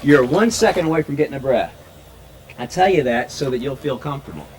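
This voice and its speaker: A man's voice: mid-range voice, lively intonation, a little fast, heavy background noise. A middle-aged man teaching a child to swim, counting strokes aloud and calling out encouragement at a pool. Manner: encouraging, counts out loud in bursts; raises voice when child's ears are under water. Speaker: swim instructor. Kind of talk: instructional coaching. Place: indoor swimming pool.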